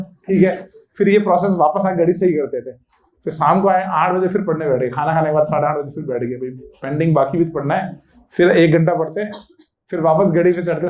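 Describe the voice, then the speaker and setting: This man's voice is slightly high and somewhat mellow. He recalls funny stories from his childhood in a relaxed, chatty manner, laughing frequently and checking in with the people listening.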